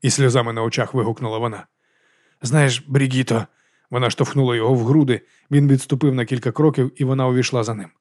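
Fast-paced male audiobook narrator. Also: mid-range voice, steady tone, darkish tone, no room sound, clean studio sound. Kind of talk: scripted novel narration.

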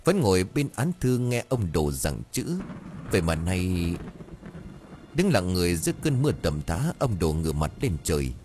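Deep-voiced man narrating with lively intonation. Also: normal speed, slight background noise. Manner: dramatic storytelling. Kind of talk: scripted audiobook narration.

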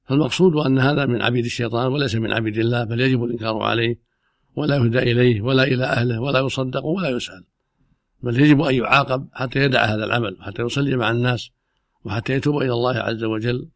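Stern gravelly male religious scholar, brisk delivery. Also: medium pitch, dry recording, studio quality. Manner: stern, emphatic, repeating himself. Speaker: Islamic scholar answering religious questions. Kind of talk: unscripted religious ruling in formal Arabic.

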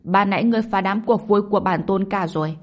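A woman voicing a smug, arrogant old male demon sorcerer with a hoarse voice in a spoken storybook. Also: mid-range voice, fast talker, natural voice. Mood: gloating menace. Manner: gloating, then cursing in alarm.

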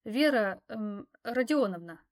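A woman reading the part of an eager young man, brisk and helpful, in an audiobook story. His lines come quick and keen. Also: fairly high pitch, lively intonation.

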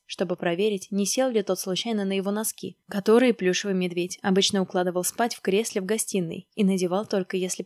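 A woman reading a humorous novel aloud in lively, ironic audiobook narration. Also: mid-range voice, no room sound, studio quality. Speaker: audiobook reader. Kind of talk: scripted narration.

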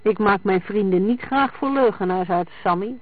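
A reader voicing a calm detective who presses a suspect with probing questions. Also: mid-range voice, moderate pace, no echo, natural voice. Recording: dry, tinny lo-fi sound.

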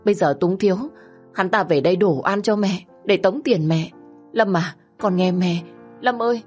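A scheming middle-aged stepmother from an audio storybook, voiced by a woman narrator. She pleads in a tearful, insistent way, pitched higher than the narration. Faint music sits underneath. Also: moderate pace, a little mellow, close to an everyday voice. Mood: pleading.

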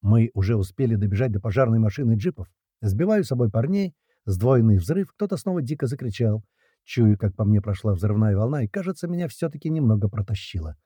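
A man's voice: fairly low pitch, sing-song, brisk, warm tone, slightly rough, dry recording. A man reading a first-person action audiobook aloud, with tense narration and the dialogue read in. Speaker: audiobook reader.

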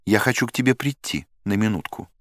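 A man's voice: lowish voice, a little fast, a bit bright, no room sound, studio quality, voice pushed up, close to an everyday voice. Man putting on a cold, mocking young woman. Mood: teasing. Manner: cool, scornful, teasing.

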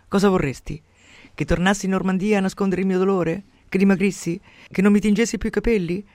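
A man's voice: sits high, creaky, dry recording, voice pushed up. A man voicing a worldly, composed aging woman in a read-aloud story, his voice lifted and playful.

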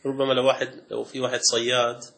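Gravelly sheikh giving a lecture. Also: male voice, medium pitch, completely flat delivery, fairly bright tone. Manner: reads lists aloud, then adds quick colloquial asides. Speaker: sheikh teaching Islamic law. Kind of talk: classroom lecture reading and commenting on a text.

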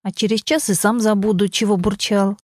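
A woman's voice: medium pitch, fairly even intonation, fairly quick, darkish tone, no room sound, clean studio sound, natural voice. A woman reading the part of a grey-haired older man who grumbles but pleads and apologizes, in an audiobook story. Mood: pleading.

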